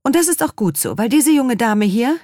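A woman voicing a brisk, mock-stern middle-aged dance teacher in an audiobook reading. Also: on the high side, sing-song, dark tone, no echo, clean studio sound, voice pushed up.

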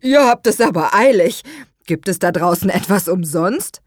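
A woman's voice: fairly low pitch, lively intonation, normal speed, darkish tone, no echo. A jovial baker dad, as a woman puts him on in a children's audiobook, good-humoured and teasing. The reading is dry and close, with no room sound. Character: jovial adult male baker, the children's father. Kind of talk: audiobook character voice.

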